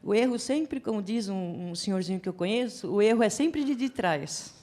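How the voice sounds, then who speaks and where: A woman giving a psychology lecture at a forum, chatty and animated, acting out little scenes as she talks. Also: mid-range voice, normal speed. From Brazil. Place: lecture hall.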